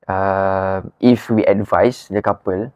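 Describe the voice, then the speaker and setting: Low-voiced man, Malay-English slang. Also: fairly even intonation, slow, darkish tone, smooth, no echo. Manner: colloquial Malay-English slang mix with "lah" particles. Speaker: guest, wedding photographer. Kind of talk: casual podcast conversation.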